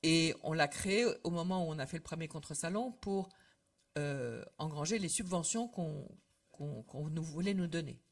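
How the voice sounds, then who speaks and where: A woman's voice: low voice, expressive, moderate pace. An older woman addressing association members in a casual, conversational way, with many fillers and trailing phrase ends. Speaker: association representative. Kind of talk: informal talk to members. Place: meeting room with audience.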